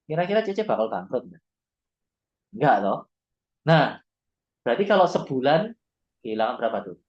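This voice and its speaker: Male sales trainer, chatty, mid-pitched, dull lo-fi recording. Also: big pitch swings, normal speed. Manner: conversational, acts out sample dialogues.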